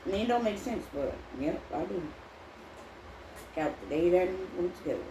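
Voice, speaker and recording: A woman co-hosting a mukbang, talking casually and quick to push back. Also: fairly low pitch, animated, distant mic. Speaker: mukbang co-host. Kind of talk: casual chat while eating. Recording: echoey room with faint ambient noise.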